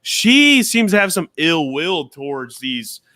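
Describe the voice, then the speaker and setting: A man with a bright, forward voice hosts a laid-back podcast, reading out viewer comments with a friendly, joking manner. The sound is close and dry, with no room around it. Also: on the high side, sing-song, dry recording. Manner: friendly, quick apologies, joking. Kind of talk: casual chat.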